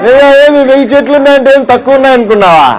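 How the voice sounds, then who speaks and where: Man, high voice, local politician, casual teasing talk, village street. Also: a faint crowd. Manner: teasing, brisk and promising.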